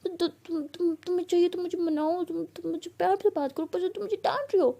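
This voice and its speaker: A woman's voice: high-pitched, fairly even intonation, brisk, dark tone, husky. A woman voicing a sick young woman who pleads and sulks at her girlfriend in a whiny, pouting way. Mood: whiny sulking.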